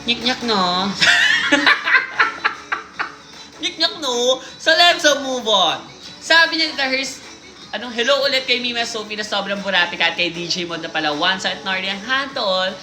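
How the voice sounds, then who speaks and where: A woman hosts a casual livestream, reading out listener stories and breaking off for playful, teasing comments. Her voice is bright and ringing. The room is echoey, with faint music behind. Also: medium pitch, brisk. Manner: playful, teasing asides while reading aloud.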